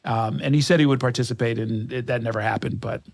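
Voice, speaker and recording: Gravelly man interviewing, halting and chatty. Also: medium pitch, fairly even intonation, no room sound. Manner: conversational, halting, many fillers. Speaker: interviewer, show host. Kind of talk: television sit-down interview.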